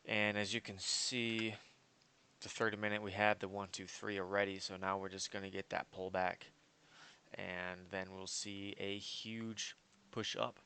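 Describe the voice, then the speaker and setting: A man's voice: lowish voice, little pitch movement, measured pace, pushed and bright, clean tone. A man walking through his trading chart analysis in a casual, confident and rambling way, with lots of fillers. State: hiccups. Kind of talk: casual screen-share market analysis.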